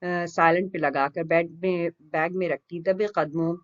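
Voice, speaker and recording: A woman reading a romance novel aloud as an audiobook narrator, steady and expressive. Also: on the low side. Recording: dull lo-fi recording.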